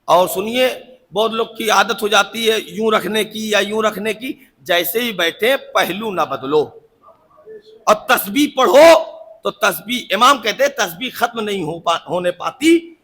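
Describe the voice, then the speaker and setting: A man delivering a majlis sermon, moving between soft asides and loud shouted climaxes, joking with his audience. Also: high-pitched, animated. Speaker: cleric giving a majlis sermon. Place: religious hall, live broadcast.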